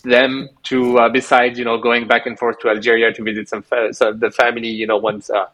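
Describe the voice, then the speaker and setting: A man's voice: mid-range voice, level tone, fairly quick, fairly bright tone, low-quality recording. A man in his thirties from France, a podcast guest telling his story in a hesitant, casual way, full of restarts. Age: 30s. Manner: hesitant, many restarts and fillers. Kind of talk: casual interview conversation. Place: remote call from an island home.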